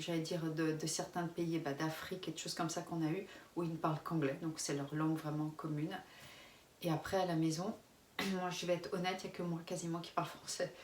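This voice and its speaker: A middle-aged woman from France chatting candidly as a vlogger, with casual fillers. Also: low-pitched. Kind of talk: casual chat. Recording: echoey room, mic far off, faint hiss.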